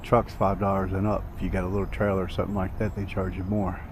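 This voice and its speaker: A man's voice: low voice, flat delivery, fast. Guy w/ easygoing ish drawl, casual ride vlog, traffic noise behind him. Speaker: vlogger. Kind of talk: casual vlog chat while riding. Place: outdoors on an e-bike ride. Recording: clear outdoor traffic and vehicle noise.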